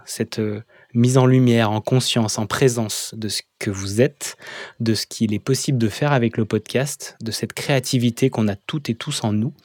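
A man's voice: medium pitch, a little mellow, no echo, studio quality. A man hosting a podcast, speaking in an encouraging, coaching tone as he wraps up the show. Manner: upbeat, thankful. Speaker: podcast host. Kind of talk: podcast interview and outro.

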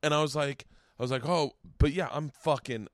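A man's voice: a little high, brisk, no room sound, clean studio sound. A man hosting a casual podcast, talking candidly and rambling in a self-deprecating way. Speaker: podcast host and comedian. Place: home studio man cave.

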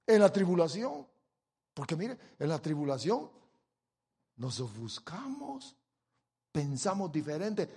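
A man preaching a sermon, swinging between loud exclamations and quiet asides. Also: a little high, very animated, slow, pauses often, slightly rough, long reverb tail.

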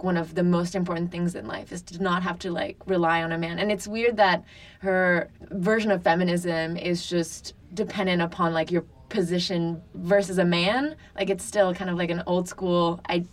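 A woman in her twenties, originally from France, chatting openly as a podcast guest. Her voice sits on the low side and she leans on "like" as she thinks aloud. She sounds slightly distant from the microphone. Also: flat delivery, normal speed. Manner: chatty, frequent "like" fillers, candid. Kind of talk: casual interview talk.

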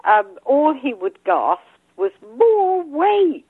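An older English woman speaks as a guest author in a casual interview, hesitating with many ums and restarts as her voice gives out. Her voice sits high with big pitch swings at a slow pace, and there's no room sound, though the phone line makes it tinny.

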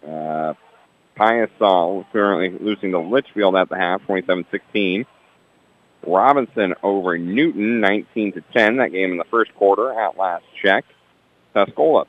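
Deep-voiced male radio sports announcer, lo-fi broadcast. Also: no echo. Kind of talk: local radio basketball commentary.

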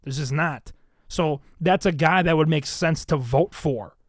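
A man's voice: on the high side, unhurried, no echo, clean studio sound. A young man hosting a solo sports podcast, rambling casually with lots of filler words and swearing. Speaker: podcast host.

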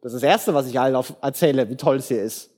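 A man's voice: medium pitch, quick pace, darkish tone. A man preaching a conversational sermon, earnest and direct, speaking straight to his listeners. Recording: long hall reverb.

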